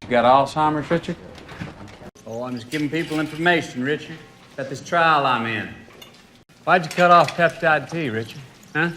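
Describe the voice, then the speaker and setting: A man's voice: a little high, moderate pace, long pauses, bright, forceful tone, a little hiss or hum. An actor playing an angry man aggressively confronting an official. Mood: confrontational. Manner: aggressive, needling.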